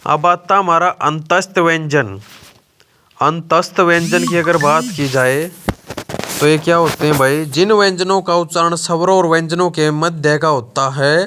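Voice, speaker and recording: A young man teaching an exam-prep grammar lesson, slowly drilling letters one by one, asking questions and answering them himself, often calling his listeners brother. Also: a little high, a bit bright, a little hiss or hum. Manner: addresses listeners as brother (bhai).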